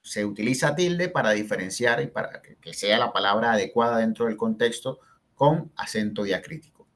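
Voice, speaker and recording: A man's voice: lowish voice, expressive, moderate pace, fairly bright tone. A man giving a spelling lesson who explains step by step, stresses example words and keeps checking in with short questions. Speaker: teacher.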